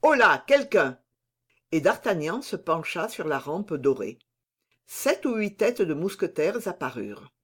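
A man narrating a historical novel as an audiobook, with expressive storytelling. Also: on the high side, measured pace, husky. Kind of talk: audiobook reading.

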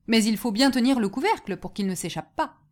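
A cunning peasant trickster, voiced by a woman telling a fairy tale, calm and sly. His lines lift a little above her reading voice, lively in pitch. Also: fairly quick, lightly acted.

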